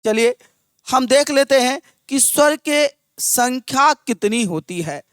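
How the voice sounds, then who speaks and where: A man teaching an exam-prep lesson. He dictates slowly and repeats each phrase so students can write it down. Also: extremely high pitch, animated, fairly bright tone, clear, resonant tone, dry recording, clean studio sound. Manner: opens with a recited verse, partly sung.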